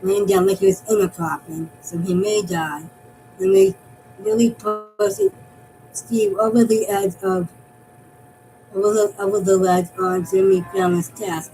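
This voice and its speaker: A woman's voice: mid-range voice, a little slow, dark tone, a little hiss or hum, rough recording. A woman from Massachusetts chatting casually about her fan theories, rambling and restarting her phrases as she goes. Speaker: fan vlogger.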